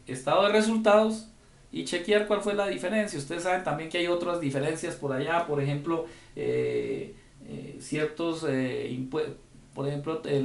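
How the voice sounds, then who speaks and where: Man, conference lecturer, slightly high voice, echoey room. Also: creaky. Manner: explanatory, often checks with the audience. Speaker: lecturer on accounting and tax.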